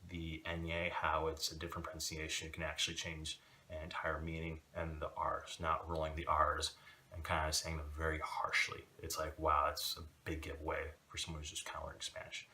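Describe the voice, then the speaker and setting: Very deep-voiced man teaching casually. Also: fairly quick, far from the mic. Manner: relaxed, rambling, many fillers and hedges. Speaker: language teacher. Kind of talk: casual video lesson.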